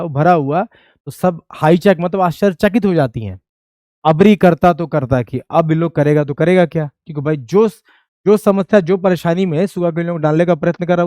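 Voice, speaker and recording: A man's voice: a little high, mellow, no echo, studio quality. A male teacher explaining a folk tale line by line, reading dialect lines and then explaining them in plain speech.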